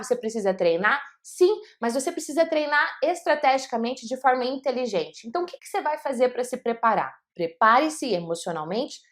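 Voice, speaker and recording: Brazilian woman, public-speaking coach, bright high voice, lively, talks straight to the viewer. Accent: Brazilian Portuguese. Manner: energetic, addresses viewer directly. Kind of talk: motivational video lesson.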